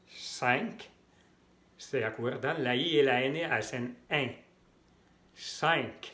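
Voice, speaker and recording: A man teaching a language lesson, speaking deliberately and repeating each word to model its pronunciation. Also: medium pitch, fairly bright tone. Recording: echoey room.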